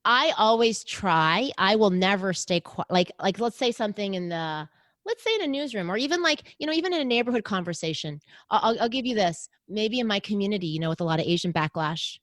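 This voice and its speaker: A middle-aged American woman speaking earnestly in an interview, giving motivational advice and getting animated when she quotes other people. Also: mid-range voice, brisk, no room sound. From United States. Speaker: podcast host and guest. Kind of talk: interview conversation.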